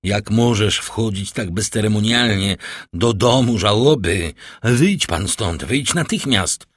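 A man's voice: fairly low pitch, expressive, slow, slightly rough, dry recording, clean studio sound, full character voice. A man voicing a stern, grieving middle-aged father who speaks in cold, formal commands, read in an audiobook. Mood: indignant.

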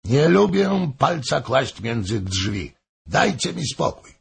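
A stubborn old courtier who won't be moved, as a male reader puts him on. He speaks firmly and slowly, pitched a little above the reader's own, with a gravelly, husky edge. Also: very animated, exaggerated voice. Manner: firm, refusing.

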